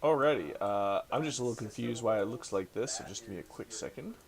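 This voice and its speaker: A man's voice: medium pitch, expressive, fast talker, gravelly. Laughing man running a tabletop game. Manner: joking, laughs often. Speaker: dungeon master.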